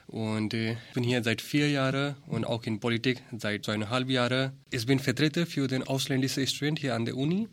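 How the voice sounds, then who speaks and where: Picture a man who is speaking a language that is not his first. He talks haltingly, searching for words, in a medium pitch as he gives a statement as a student representative. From India. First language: not German. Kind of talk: spoken statement.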